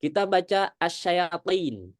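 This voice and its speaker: A male Quran recitation teacher giving a tajwid lesson to a congregation, demonstrating Arabic sounds slowly and often asking if it is clear. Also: high-pitched, big pitch swings.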